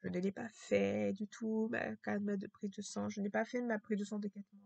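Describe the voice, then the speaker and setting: A woman talking to camera in a casual vlog with a low, strained voice, hesitant and repetitive, full of fillers and restarts. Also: little pitch movement, normal speed, a little mellow, dry recording. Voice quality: low, gravelly voice.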